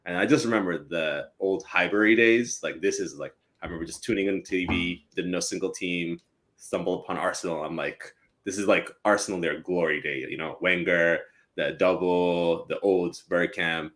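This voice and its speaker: Deep-voiced young man, easygoing podcast guest. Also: moderate pace. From East Africa. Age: young adult. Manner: relaxed, rambling with many fillers. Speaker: podcast guest, company co-founder. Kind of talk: casual podcast chat.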